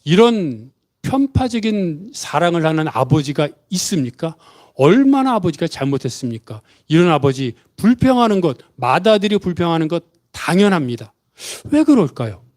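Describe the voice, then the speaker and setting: Male pastor, high-pitched, lively sermon, voices the characters he quotes. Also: normal speed. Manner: asks the congregation questions and has them repeat after him; acts out the father's and son's words in quotes. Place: church.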